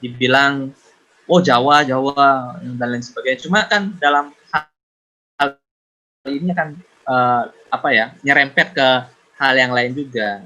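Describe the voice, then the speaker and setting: A man speaking as a podcast guest, reflective and pausing often with fillers. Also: mid-range voice, sharp tone. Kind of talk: casual podcast discussion. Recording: dull lo-fi sound.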